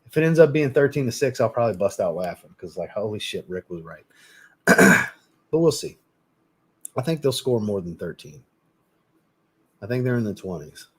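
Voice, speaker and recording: A man's voice: lowish voice, sing-song, moderate pace, long pauses, breathy edge. A man hosting a live stream in a casual, rambling way, blunt and cursing now and then, often restarting and repeating himself. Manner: rambling and blunt, with mild swearing. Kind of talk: casual live chat commentary.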